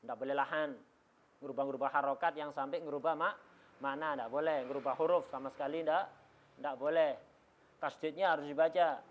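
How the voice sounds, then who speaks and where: A man gives a religious lecture in a class, explaining step by step and answering his own questions, often restarting words. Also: fairly high pitch. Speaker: religious teacher. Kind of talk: classroom lecture on Islamic law.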